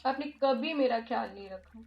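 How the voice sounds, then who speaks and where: A woman's voice: on the high side, normal speed, roomy sound, muffled recording, a little hiss or hum, close to an everyday voice. A woman voicing a hurt little child who cries and complains to a parent in a guided meditation. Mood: hurt, accusing. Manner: tearful, pleading complaints.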